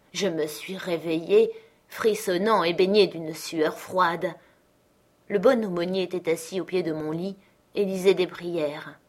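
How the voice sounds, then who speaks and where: Expressive woman reading an audiobook. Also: fairly low pitch. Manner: expressive, dramatic, slowing on key phrases. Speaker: audiobook reader. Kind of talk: audiobook narration of a classic novel.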